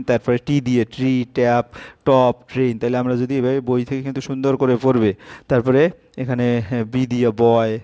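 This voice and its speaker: A man's voice: medium pitch, a little mellow, no room sound. A male teacher, patiently walking young pupils through exam answers and often checking that they follow.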